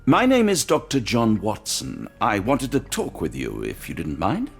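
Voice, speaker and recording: A man playing an earnest, weary English doctor in a video game, polite and measured with a dry, wry streak. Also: medium pitch, huge pitch swings, vocal fry, husky, faint music behind, heavily acted. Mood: gentle, coaxing.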